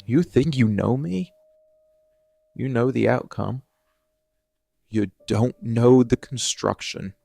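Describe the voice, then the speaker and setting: A man voices a brooding, hardened, defiant villain in a dark fantasy ASMR monologue, delivering it with deliberate, dramatic pauses and measured intensity. His medium-pitched voice is expressive and creaky, with no echo, and the mood is resolute and grave.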